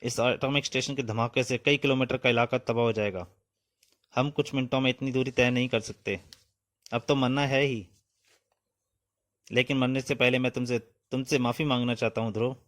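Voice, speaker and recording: A male narrator gives voice to an aging yeti king, proud yet remorseful. His speech is grave and solemn, pitched in an ordinary middle register, and the storybook telling stays plain. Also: fairly even intonation, moderate pace, fairly bright tone, natural voice.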